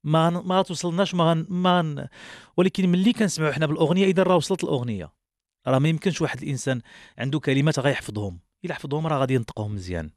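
A man's voice: fairly high pitch, very fast, no echo, studio quality. A male singer with a Moroccan accent answering interview questions earnestly, often restarting his sentences.

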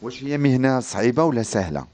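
A man's voice: mid-range voice, expressive, fast, darkish tone. A man with a Moroccan accent interviewing someone conversationally, rephrasing his questions as he goes. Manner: rephrases questions, frequent backchannel murmurs.

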